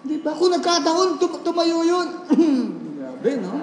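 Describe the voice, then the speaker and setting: A man, a pastor, preaching a sermon with animated storytelling, mixing in English phrases and laughing often. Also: very high voice, slow. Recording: echoey hall with faint background noise.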